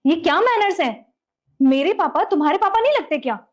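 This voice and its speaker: A woman's voice: very high-pitched, lively intonation, brisk. An actress playing a defiant young wife who scolds her husband indignantly.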